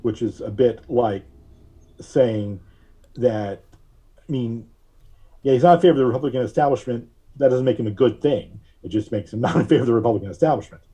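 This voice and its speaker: A man appears as a podcast guest offering conversational political commentary. His medium-pitched voice is mellow and slightly rough, and he speaks in a measured, wry, halting manner.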